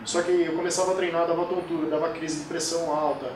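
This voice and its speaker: During a casual interview, a kettlebell sport coach in his forties talks at a quick pace in a fairly high voice, spinning animated stories and mimicking the voices he quotes. The mic is distant, and the room echoes and carries background noise.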